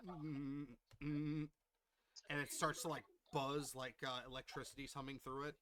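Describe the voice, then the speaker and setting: A young man narrating as game master, excitable and loud at big rolls. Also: mid-range voice, brisk.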